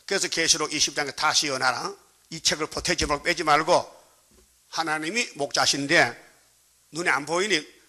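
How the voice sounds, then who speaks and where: A Gyeongsang Korean pastor delivers his sermon with a tense, ringing brightness. His voice sits a little high for a man. He talks plainly and jokes, throwing questions back at the congregation again and again. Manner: prods the congregation with constant questions; colloquial, joking preaching.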